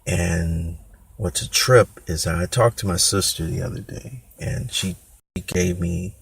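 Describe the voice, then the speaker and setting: Husky low-voiced man telling a personal story. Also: takes it slowly. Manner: rambling, candid, with restarts and quoted voices. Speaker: podcast host.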